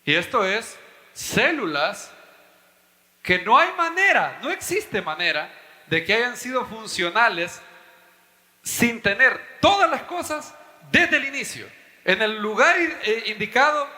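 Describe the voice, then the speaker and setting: A man's voice: very high voice, bright, forceful tone, echoey room, long reverb tail. A man preaching a teaching sermon to his congregation, emphatic, his voice leaping up to stress points. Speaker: pastor and Bible teacher.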